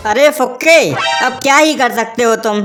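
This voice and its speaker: A woman's voice: fairly high pitch, moderate pace. A woman doing a sarcastic, scolding interviewer in a comedy cartoon. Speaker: voice actor doing all characters. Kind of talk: Hindi cartoon comedy voice acting. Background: music.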